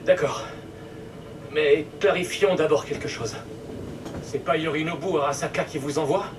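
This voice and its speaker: A man's voice: on the high side, normal speed, natural voice. A man voicing a wary, businesslike male scientist in a French game dub. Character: nervous male scientist, bioware inventor. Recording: distant game audio with noise.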